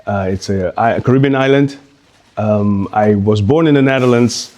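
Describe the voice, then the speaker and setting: A man from Curaçao giving an informal live talk as a guest speaker at an art exhibition. He speaks in a halting, conversational way and often restarts his sentences. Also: lowish voice, a little mellow.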